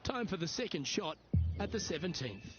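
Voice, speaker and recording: A man doing play-by-play golf commentary in measured, clipped phrases. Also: high-pitched, very animated, lo-fi sound, music in the background. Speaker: lead golf commentator in a video game.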